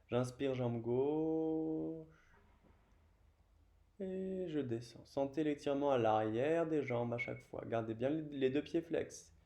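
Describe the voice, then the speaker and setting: Man, French accent, yoga teacher, slow guided cues, mellow soft tone. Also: on the high side. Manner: slow, calm cueing of breath and movement. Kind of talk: guided yoga class instruction.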